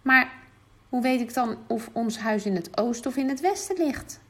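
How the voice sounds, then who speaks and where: A woman's voice: a little high, expressive, normal speed, fairly bright tone, voice pushed up. Woman voicing a curious little girl. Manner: eager, questioning.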